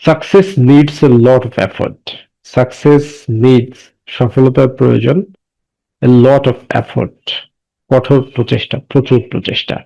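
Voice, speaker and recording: A man teaching a class. He asks questions and answers them himself, and reads English sentences slowly and deliberately. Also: mid-range voice, steady tone, gravelly, warm tone. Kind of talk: classroom lesson explaining English words in Bengali. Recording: dull lo-fi recording.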